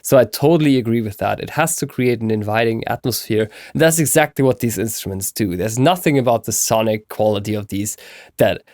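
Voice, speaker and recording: A man's voice: lowish voice, a little fast, darkish tone, dry recording. Dry-sounding man in his thirties. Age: 30s. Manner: enthusiastic, laughs easily. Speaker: podcast guest, software specialist. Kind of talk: casual conversation.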